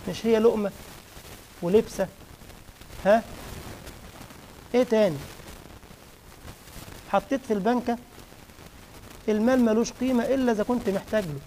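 A man with an Egyptian Arabic accent giving a mosque lesson, explaining a religious text and quizzing listeners with lively rhetorical questions. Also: high-pitched, moderate pace, pauses often, slight background noise, low-quality recording. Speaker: religious teacher.

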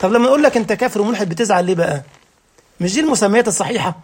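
A man's voice: sits high, animated, very fast, darkish tone, slightly rough. A man with an Egyptian accent teaching a religious lesson, firing rhetorical questions and checking that his listeners follow. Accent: Egyptian Arabic.

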